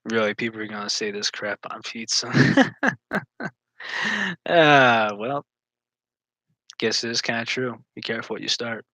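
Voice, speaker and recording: A man's voice: on the low side, fairly even intonation, normal speed, bright, forceful tone, no room sound. A man in casual chat, rambling and teasing his co-host with jokes.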